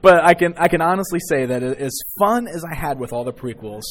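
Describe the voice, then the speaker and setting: A man in his thirties co-hosting a podcast, chatting in an excited, emotional way and laughing often. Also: a little high, fairly quick. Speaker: podcast co-host. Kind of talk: casual chat.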